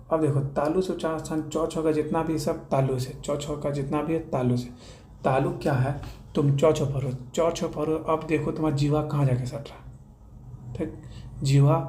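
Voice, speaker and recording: A man with a Bihari accent teaching a grammar lesson, drilling his students by asking questions and answering them himself. His voice sits a little high and sounds mellow. The room is echoey, with a faint hum of ambient noise behind him. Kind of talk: classroom-style grammar lesson.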